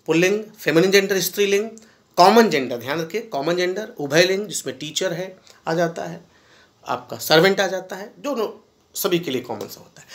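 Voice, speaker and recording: A middle-aged man, teaching an exam-prep grammar lesson. He lists terms steadily and slows down to say English example sentences. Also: sits high, a bit bright.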